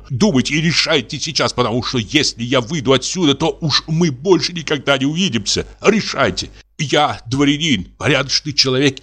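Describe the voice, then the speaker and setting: A man playing a blunt, hot-tempered middle-aged landowner, blustering and halting, as in an audiobook drama reading. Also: fairly high pitch, fairly bright tone. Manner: blustering, halting, self-mocking.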